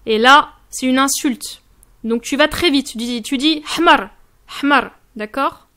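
A woman teaching Moroccan Arabic pronunciation, saying each word slowly and repeating it, and speaking to the viewer in a friendly, informal way. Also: sits high, bright, forceful tone. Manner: slow, careful drilling of words with repeated examples. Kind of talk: pronunciation lesson addressed to the viewer.

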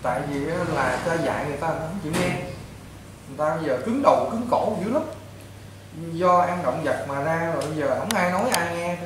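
An expressive, fast-talking priest with a high male voice and Southern Vietnamese accent gives a patient blunt, repetitive counsel, speaking to them as to a child in an informal talk. He's far from the mic in a very echoey room with clear background noise.

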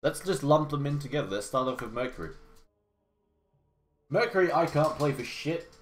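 Sick with a cold, this young man's voice comes out nasal and blocked as he offers sarcastic, casual game commentary for his gaming videos in a wood-floored room at home. He sits on the high side with lively intonation and a moderate pace, swearing offhandedly and often trailing off before starting over.

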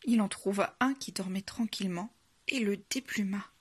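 A woman reading a children's bedtime story aloud in a soft, hushed, unhurried way. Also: medium pitch, a little hiss or hum.

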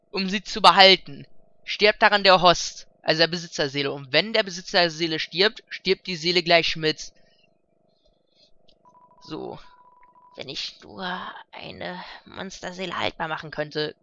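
A man's voice: fairly high pitch, sharp tone. A young man hosting a Let's Play, chatty and playful, commenting casually and translating game text as he goes. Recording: dull, faintly noisy home mic.

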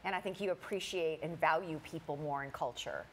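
A woman's voice: sits low, brisk, slight background noise. Middle-aged woman hosting a TV segment. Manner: upbeat, leading questions. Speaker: TV morning show host. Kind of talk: studio interview chat. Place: TV studio kitchen set.

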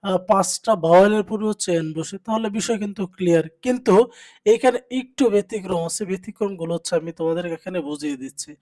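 Tutor, grammar lecture, mid pitch, asks questions then answers them himself. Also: fast talker, a little mellow. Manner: asks rhetorical questions and answers them, frequent check-ins. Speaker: teacher. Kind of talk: exam-prep grammar lecture.

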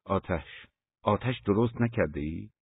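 A man's voice: on the low side, gravelly, husky, no room sound, full character voice. Shivering uneasy traveler, read by a man. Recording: dry, phone-like narrow sound.

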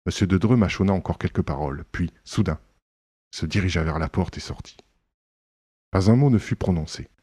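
A man reading a classic novel aloud as an audiobook narrator, in a measured storytelling manner. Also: sits low, dark tone, slightly rough, no room sound, studio quality.

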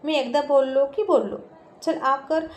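A woman's voice: sits high, fairly even intonation, measured pace, darkish tone, echoey room, slight background noise. A woman voicing a confident, affectionate father who stands by his decisions. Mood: jovial.

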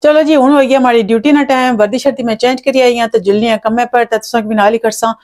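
A Pakistani woman vlogs about her day, chatting casually and expressively in a homely way. Her slightly high, darkish voice is fairly even in intonation and rapid-fire. The dry phone recording is noisy, with vehicle sounds in the background.

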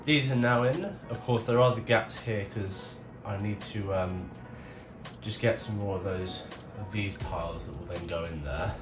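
Speaking at a normal speed with a fairly low-pitched voice, a male YouTuber presents his hobby build in a relaxed, off-the-cuff show-and-tell, musing informally. He's in an indoor room next to the build, captured by a distant mic in an echoey space with music underneath.

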